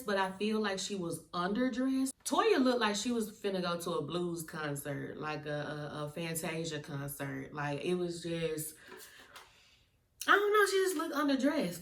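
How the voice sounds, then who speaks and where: A woman's voice: fairly low pitch, distant mic. A woman giving a sassy, blunt, emphatic casual review of a reality TV episode. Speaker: reality TV recapper. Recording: echoey room, off-mic.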